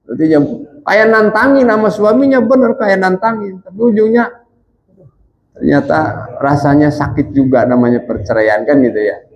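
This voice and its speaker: A male ustadz giving a mosque sermon in a conversational way, calling the men Pak and reciting Arabic texts slowly. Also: lively intonation, lo-fi sound. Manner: wide swings in pitch and volume.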